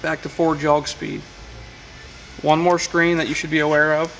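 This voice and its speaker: Gravelly man explaining shop controls. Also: a little high, level tone, moderate pace, fairly bright tone, slight background noise, poor audio. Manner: plain, matter-of-fact explaining with frequent uh fillers. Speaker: welding equipment technician. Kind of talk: hands-on equipment demonstration. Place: workshop beside a welding machine.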